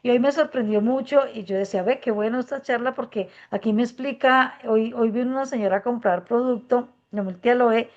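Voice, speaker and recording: A woman, a workshop participant giving an earnest, reflective testimony, speaking softly and gently with many hesitant fillers. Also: a little high, fairly quick, hardly any pauses. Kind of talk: spontaneous testimony. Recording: muffled dull recording.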